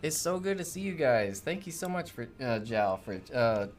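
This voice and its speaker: An upbeat man co-hosting a gaming livestream, greeting his viewers one by one in a casual, friendly chat. His pitch sits in an ordinary middle range. He often stumbles over viewers' names as he reads them out. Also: sing-song, moderate pace. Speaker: streamer co-host.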